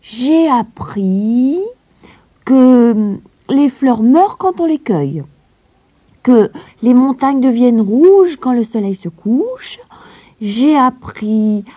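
A woman voicing an outspoken little mountain girl in a storybook, high, earnest and eager. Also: big pitch swings, slow pace, dark tone, breathy edge, no echo, heavily acted. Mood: eager, innocent. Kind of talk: storybook reading. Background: music.

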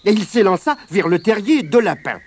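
A man reading a children's story aloud in an expressive, animated way. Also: high-pitched, fairly quick, slight background noise.

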